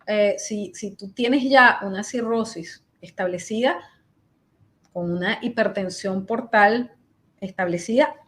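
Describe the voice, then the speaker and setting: A woman's voice: mid-range voice, takes it slowly. Woman doctor on a video call. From Venezuela. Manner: many fillers and restarts, thinking aloud. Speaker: invited speaker, hepatologist. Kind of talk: webinar Q&A answer.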